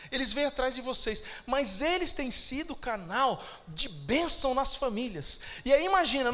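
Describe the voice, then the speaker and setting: Brazilian pastor guy preaching, voice sits pretty high, punchy and emphatic. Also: fairly bright tone. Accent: Brazilian Portuguese. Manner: emphatic preaching, asks the congregation for amens. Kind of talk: sermon.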